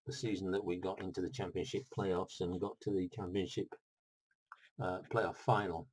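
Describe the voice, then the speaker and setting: A man's voice: low voice, darkish tone, rough recording. A middle-aged man, unboxing a board game in a rambling, chatty vlog full of asides. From United Kingdom.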